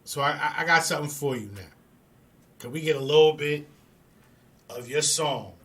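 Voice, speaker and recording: A man's voice: fairly high pitch, moderate pace, sharp tone. A man with a New York accent hosting a radio show, joking and bantering casually with his guest. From Brooklyn, New York. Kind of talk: casual radio interview chat.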